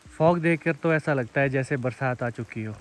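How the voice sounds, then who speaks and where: A young male vlogger casually narrates his rainy day out in the hills and a car ride, sounding easygoing and teasing. His voice is medium in pitch and his speed is normal.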